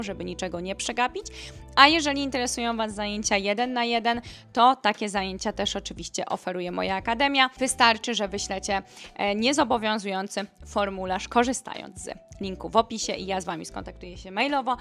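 A woman's voice: mid-range voice, fairly bright tone. A woman who grew up speaking Polish, chatting casually in an online lesson as she explains English phrases with quoted examples. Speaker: English teacher.

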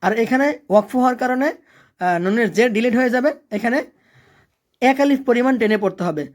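Teacher chanting slow recitation. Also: medium pitch. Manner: explains rules step by step, then recites verses slowly and melodically. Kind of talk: recitation lesson.

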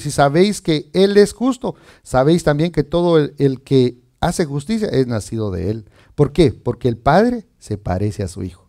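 A man's voice: medium pitch, dark tone. A man preaching as pastor, reading scripture and asking the congregation questions in a chatty, conversational way. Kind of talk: sermon.

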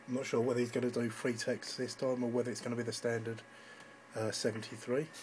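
This man speaks quickly and flatly, with a medium-pitched, darkish voice, while hesitantly demoing amateur radio in an informal, live way. The handheld phone recording, made indoors at a radio station desk, carries a bit of hiss or hum.

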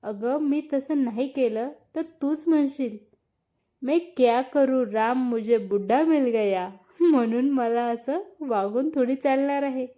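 Lady narrator doing a cheeky young husband, playful and pushy, highish voice, mellow. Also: unhurried. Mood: teasing. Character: teasing, eager young husband.

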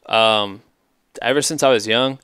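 A man's voice: mid-range voice, measured pace, bright, forceful tone, clear, resonant tone, no echo, studio quality. A man in his thirties hosting a podcast, giving casual advice in a profane, emphatic, rambling way on a headset mic in a hotel room. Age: 30s. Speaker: podcast host. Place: hotel room at night, indoors.

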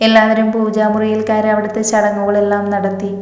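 A woman's voice: mid-range voice, monotone, a little fast, a little mellow. A woman narrating a romantic story and reading the characters' lines herself in a near-level voice. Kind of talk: scripted story narration with acted dialogue. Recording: echoey room with long reverb.

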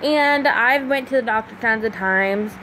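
In a confessional vlog made at home at night, a twenty-five-year-old woman talks into a phone held close to her face, her voice slightly high and a bit bright. She falters emotionally, pausing often and using many fillers. A fan running in the small room adds a faint hum to the rough recording.

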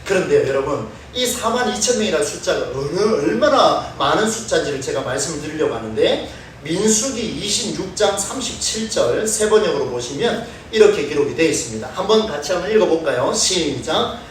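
Animated pastor preaching in an echoey church. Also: male voice, on the high side, brisk, a little hiss or hum. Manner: animated, asks the congregation to count and repeat words aloud. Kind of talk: sermon. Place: large church sanctuary. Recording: echoey hall from far off.

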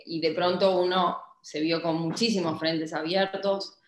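Speaking from a home office over a laptop webcam, a young Argentine club director appears as a guest in a relaxed video-call interview. Her low, steady voice is unhurried yet hesitant, full of fillers and restarts, and the audio is roomy with slight background noise.

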